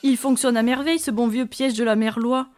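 A woman voicing a gruff male bandit chief in a storybook reading. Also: on the high side, fairly even intonation, a little fast, a little mellow, soft background music, lightly acted. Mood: rough.

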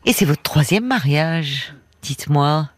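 A woman hosting a late-night call-in radio show, gently encouraging the caller with soft affirmations. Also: low-pitched, expressive, measured pace, slight background noise. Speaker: radio host.

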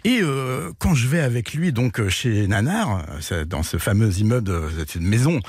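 A man's voice: medium pitch, very animated, normal speed, a little mellow, breathy edge, no room sound, clean studio sound. A man telling a long anecdote on a radio show, hesitant with many restarts, acting out the people he quotes. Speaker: music journalist and storyteller guest.

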